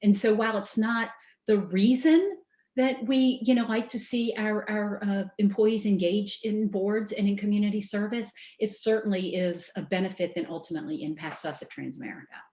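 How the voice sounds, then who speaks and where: A woman's voice: medium pitch, moderate pace, dark tone. A woman with a mild Southern American accent, a company president chatting as a guest in an interview, talking in a loose, self-correcting way with fillers. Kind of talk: casual interview chat. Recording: dull, roomy podcast recording.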